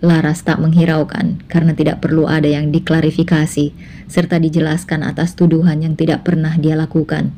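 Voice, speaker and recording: A woman narrating a family drama story in a calm, measured reading voice. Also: low voice, slight background noise.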